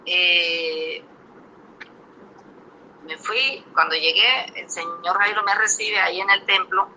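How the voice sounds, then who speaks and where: A woman's voice: fairly low pitch, sharp tone, slight background noise, poor audio. A woman preacher telling a testimony in a sermon, emphatic and storytelling, often turning to the congregation with rhetorical questions.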